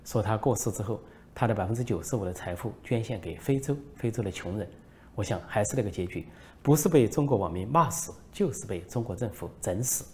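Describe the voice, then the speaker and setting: A man's voice: brisk, slight background noise. A man delivering a political commentary monologue, emphatic and storytelling. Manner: emphatic, lively pitch, storytelling.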